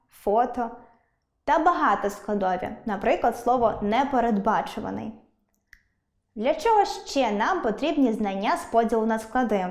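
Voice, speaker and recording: A woman teacher giving a scripted lesson, explaining clearly and slowing down when she sounds out words. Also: on the high side, darkish tone, echoey room. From Ukraine.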